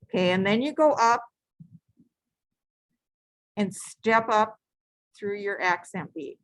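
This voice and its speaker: A woman's voice: mid-range voice, slow, dry recording, rough recording. A woman teaching a beading stitch live, giving patient, repetitive step-by-step instructions and sometimes correcting herself. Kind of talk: step-by-step craft tutorial.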